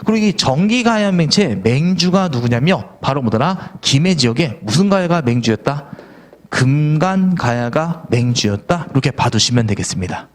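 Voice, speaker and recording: A man's voice: fairly high pitch, lively intonation, brisk, hardly any pauses. A middle-aged man giving an exam-prep history lecture, sounding worn out, grumbling in asides and then quizzing his students with questions.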